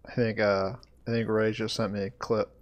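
A man streaming a game live, chatting to viewers, easily frustrated, swearing and breaking into loud surprised outbursts. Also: on the low side, little pitch movement, normal speed. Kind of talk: live gameplay commentary.

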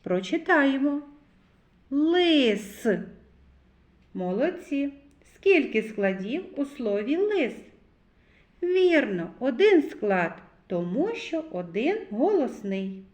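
A woman's voice: high voice, very animated, darkish tone. A woman teaching a phonics lesson to young children, drawing out each word and spelling sounds out one by one. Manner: slow, drawn-out words, sounds spelled out one by one. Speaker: preschool teacher. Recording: echoey room.

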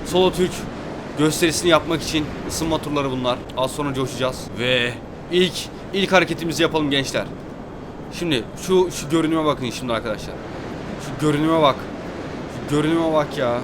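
A man's voice: fairly high pitch, noisy background. A young man giving hyped, exclamatory commentary over gameplay, talking straight to his viewers. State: fasting. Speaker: gaming YouTuber.

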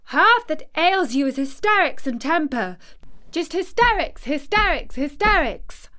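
A woman voicing a fierce, commanding little girl who scolds and shouts in an audiobook story. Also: fairly high pitch, animated, slow pace, no room sound, studio quality, voice pushed up. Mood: fierce scolding. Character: furious, savage, bossy little girl.

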